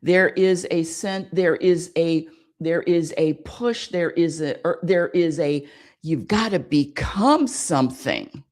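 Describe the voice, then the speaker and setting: Slow, low-voiced woman. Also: darkish tone. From United States. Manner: repetitive and searching, calls for audience affirmation. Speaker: host of a spirituality radio show. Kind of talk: spiritual talk monologue.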